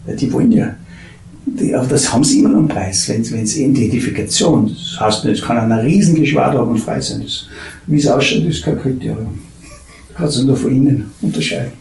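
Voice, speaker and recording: A man giving a meandering spiritual talk, halting and searching for words, drifting from soft murmurs into animated bursts. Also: medium pitch, gravelly, a little hiss or hum. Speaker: spiritual teacher. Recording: echoey room with faint ambience.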